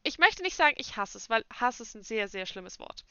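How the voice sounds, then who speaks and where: A young woman co-hosting a casual podcast chat, expressive and acting out little quoted dialogues. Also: fairly high pitch, a little fast, clean tone, dry recording, highs cut off. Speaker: podcast co-host.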